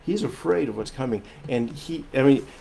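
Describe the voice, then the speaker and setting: A man preaching a sermon as pastor, earnest and emphatic, swinging between loud and soft and often repeating phrases as he explains. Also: mid-range voice, lively intonation, moderate pace, creaky, slight background noise.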